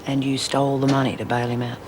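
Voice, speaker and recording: A woman's voice: rumbling low, little pitch movement, fast talker. An actress playing a blunt but sympathetic woman prisoner, direct and probing, in a television drama. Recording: clear background noise.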